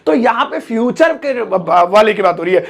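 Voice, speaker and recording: A man teaching English phrases in a playful, joking manner, drawling out the examples slowly. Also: high-pitched, lively intonation, gravelly. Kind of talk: Hindi-language English lesson.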